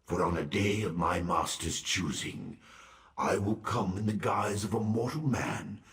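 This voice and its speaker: A man voicing an ancient, menacing demon duke in a fantasy game, with a gravelly rasp and slow, grandiose, ominous delivery. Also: low-pitched, fairly bright tone, roomy sound. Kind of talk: fantasy game dramatic acting.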